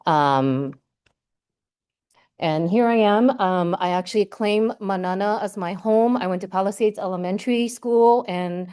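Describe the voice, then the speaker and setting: Speaking a little slowly, this woman has a medium-pitched voice that sounds clear, resonant, and somewhat dark. Raised in Hawaii and a native Japanese speaker, she's a guest at a seminar delivering a personal academic talk, chatty and full of fillers like "um" and "like."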